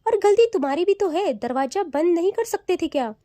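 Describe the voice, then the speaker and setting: A teasing young woman who whines and pleads with her best friend in a high, warm voice, as a woman narrator puts her on. Her talk is chatty and playful in a storybook audio drama, recorded close and dry. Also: lively intonation, brisk, no room sound. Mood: pleading, teasing.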